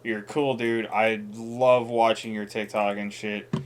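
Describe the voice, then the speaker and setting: A man's voice: fairly low pitch, flat delivery, a little slow. A man co-hosting a casual podcast, giving blunt opinions full of swearing. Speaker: podcast co-host.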